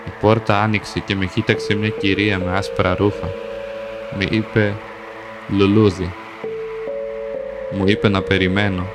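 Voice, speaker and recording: A man with a lowish voice narrates a dark first-person fantasy story, calm and measured, one short sentence at a time. Clear music plays under his reading.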